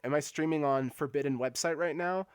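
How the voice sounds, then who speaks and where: A gaming streamer with a fairly high, smooth voice plays live and chats casually with viewers, talking a little fast. He's giggly, laughs often, and stammers and repeats words as he goes.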